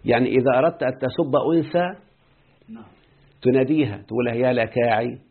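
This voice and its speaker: A man's voice: mid-range voice, fast, husky. A man with an Egyptian accent teaching an Arabic grammar lesson and often quizzing his students. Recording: muffled phone-like lo-fi audio.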